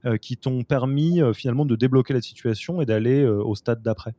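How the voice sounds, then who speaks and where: A man's voice: medium pitch, fairly quick, mellow, dry recording. A man hosting a podcast interview, asking long, conversational questions.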